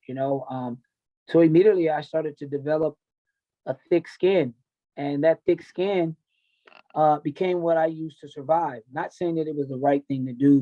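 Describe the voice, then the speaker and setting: Over dull audio, an American man in his fifties talks openly about his life as a podcast interview guest. He is an MMA coach who grew up in Tennessee and California, and his slightly high voice comes across as blunt, emphatic, and unfiltered.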